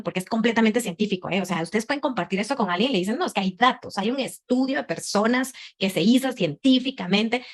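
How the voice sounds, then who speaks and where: A woman leading a group conversation, asking many rhetorical questions and acting out voices as she speaks. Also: medium pitch. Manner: expressive, animated delivery. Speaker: conversation facilitator. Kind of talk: motivational talk to a group.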